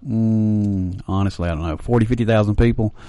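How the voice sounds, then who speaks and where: Folksy low-voiced radio host. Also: male voice, fairly quick, warm tone, no echo, poor audio. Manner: folksy storytelling, laughs easily. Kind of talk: casual on-air chat.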